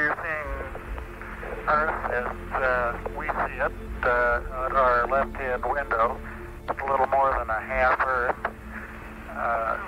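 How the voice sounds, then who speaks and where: A man of middle pitch reports in clipped, businesslike radio speech, as if reading readings and numbers from a cockpit. His voice comes through a space radio transmission, buried in loud static and hiss. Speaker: astronaut. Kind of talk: air-to-ground radio communication.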